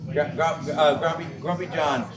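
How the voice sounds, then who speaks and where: A man's voice: a little high, fairly even intonation, normal speed, a crowd in the background. Rambling, swearing young male podcast host. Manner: rambling, swearing, laughing, lots of restarts. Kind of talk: casual chat over beers.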